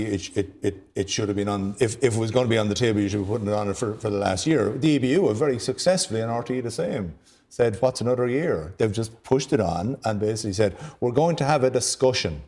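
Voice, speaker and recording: An Irish man gives his view on a television debate panel. His voice sits low and sounds dark and mellow. He often stumbles and restarts his sentences before finding the thread. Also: fast. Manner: hesitant, many restarts and repeated words. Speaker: newspaper editor panelist. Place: television studio.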